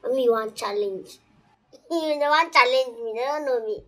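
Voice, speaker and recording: A woman's voice: a little high, moderate pace, fairly bright tone, natural voice. An actress in a Nollywood film playing a defiant, boastful young woman who mocks and laughs, speaking with a Nigerian Pidgin accent. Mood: taunting. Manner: boastful, mocking, laughs often. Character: brash, defiant young woman scheming for a man. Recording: film soundtrack with music underneath.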